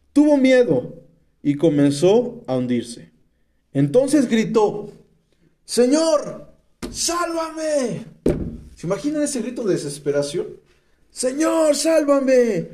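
A man's voice: a little high, dark tone. A man with a Mexican accent giving a slangy, emphatic testimony sermon to people in rehab, reading and explaining scripture. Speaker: speaker at a rehab center. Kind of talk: preaching testimony to addicts.

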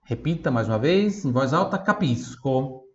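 A man teaching Italian pronunciation on a podcast, spelling out words and repeating them slowly for listeners to copy. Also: mid-range voice, lively intonation, roomy sound. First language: Portuguese. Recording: slightly dull lo-fi audio.

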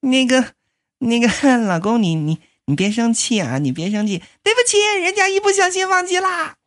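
A woman's voice: a little high, very animated, moderate pace, voice pushed up. A woman voicing a coy, scatterbrained young maid who talks in a coquettish, giggly sing-song, in comic storytelling.

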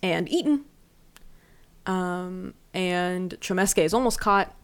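Giggly woman with a lower voice. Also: expressive, slow, clean tone. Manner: giggly, chatty, many fillers. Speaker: podcast co-host. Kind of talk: casual chat about an anime.

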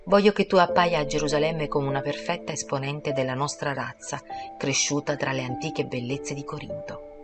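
An ardent young man, commanding yet tender, read by a woman. The voice sits low and speaks gently and earnestly. Clear music plays under the audiobook reading. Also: steady tone, normal speed, close to an everyday voice.

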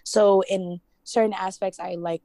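A woman's voice: mid-range voice, steady tone, a little slow, dark tone, no echo, studio quality. A young woman from Ghana, raised in the US, talking casually as a student representative, with many fillers. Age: young adult. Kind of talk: casual interview.

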